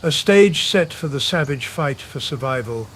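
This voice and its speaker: A man narrating a nature documentary from a script in a dramatic, measured, portentous way. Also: fairly high pitch, expressive, a bit bright, slight background noise. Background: music.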